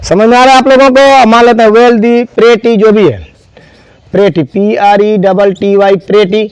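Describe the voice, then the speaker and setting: A man's voice: high voice, flat delivery, moderate pace, a little mellow, clear, resonant tone, no room sound. A man teaching an English grammar class, spelling words out and quizzing students. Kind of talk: classroom lesson.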